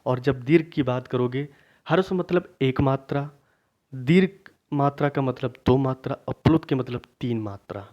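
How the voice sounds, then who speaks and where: A man teaching a grammar lesson for exam preparation, asking questions and then answering them himself, repeating key points slowly. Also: medium pitch, darkish tone. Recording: dull lo-fi recording.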